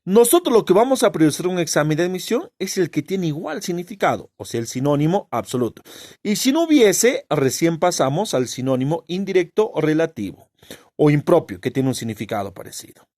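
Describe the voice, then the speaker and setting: A man's voice: on the high side, big pitch swings, a little fast, darkish tone, no room sound, studio quality. A male teacher giving an exam-prep lesson, posing rhetorical questions and answering them himself while stressing key terms.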